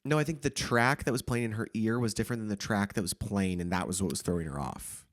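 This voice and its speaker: Woman co-host with a very deep voice, dry playful quips, casual podcast chat. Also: fast talker, no echo.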